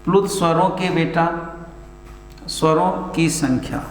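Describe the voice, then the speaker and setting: A man's voice: on the high side, fairly even intonation, a little slow, soft background music. A man teaches a classroom grammar lesson, calling his students "beta" and answering his own questions. He stretches vowels long to show them. The room is echoey, with a long reverb tail and a mains hum behind him.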